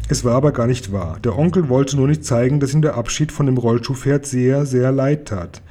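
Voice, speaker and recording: A man reading a children's story aloud in a lively, characterful way. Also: medium pitch, normal speed. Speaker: audiobook reader. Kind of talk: storytelling narration.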